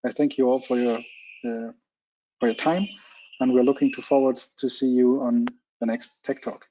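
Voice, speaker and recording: A man's voice: mid-range voice, fairly even intonation, moderate pace, dark tone, a little hiss or hum. A man organizing an online technical talk, giving formal, courteous closing remarks and thanks. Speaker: event organizer. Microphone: video call. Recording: slightly muffled call audio.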